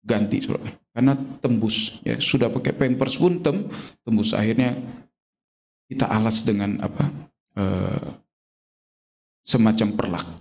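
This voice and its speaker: A middle-aged male pastor preaching a sermon in a church, constantly addressing the congregation and climbing to near-shouts at his peaks. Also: mid-range voice. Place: church sanctuary.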